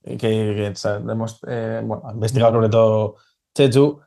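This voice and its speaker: Mellow-voiced Spanish podcast co-host. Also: male voice, lowish voice, level tone, a little slow, vocal fry. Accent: Spain Spanish. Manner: hesitant, many fillers before questions. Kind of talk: casual interview talk.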